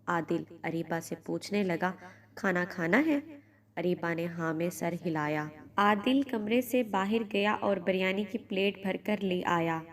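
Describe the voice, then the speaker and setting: A woman narrating a moral family story in a calm, measured storytelling manner. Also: on the low side.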